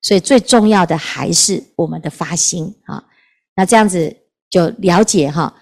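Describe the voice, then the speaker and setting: A woman's voice: on the low side, normal speed, darkish tone. A Buddhist nun gives a storytelling Dharma talk, asking her listeners questions as she goes. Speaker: Buddhist nun teaching scripture.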